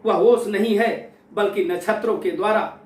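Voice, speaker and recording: A male teacher walks a class through a poem, slowly restating each line with a string of synonyms. His voice sits high, and he stresses the quoted verses dramatically. The recording sounds echoey and a little distant. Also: steady tone. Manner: repeats phrases with many synonyms, dramatic emphasis on quoted verses. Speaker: Hindi literature teacher. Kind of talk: explaining a poem in a class lesson.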